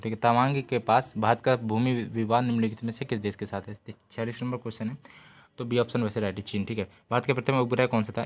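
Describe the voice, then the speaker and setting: Young guy teacher rattling off quiz answers super fast, keeps saying okay, mid-pitched voice. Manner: quick, repeats "theek hai" constantly. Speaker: exam coaching teacher. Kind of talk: rapid GK quiz lesson.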